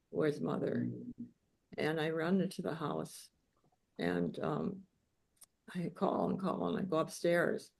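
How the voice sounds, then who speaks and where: A woman author giving a lecture, telling a personal story in a halting way with many fillers and restarts. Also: sits low, vocal fry, darkish tone.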